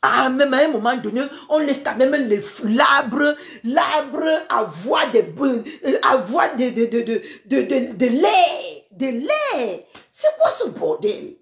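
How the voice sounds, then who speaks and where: A woman ranting on a live social media stream, upset and angry, repeating herself and swinging between loud outbursts and low mutters. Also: big pitch swings, slow, hardly any pauses. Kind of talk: indignant Facebook live rant.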